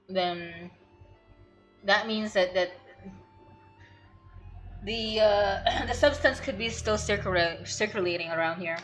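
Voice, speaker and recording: Slow-talking chatty young woman streamer. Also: mid-range voice, fairly bright tone. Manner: chatty, giggly, rambling. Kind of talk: casual game commentary.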